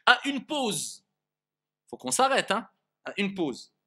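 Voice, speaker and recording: A man teaches Quran recitation in a classroom manner, his high, sharp voice very animated while he speaks slowly. He is patient, demonstrates sounds aloud, and checks often for his students' understanding.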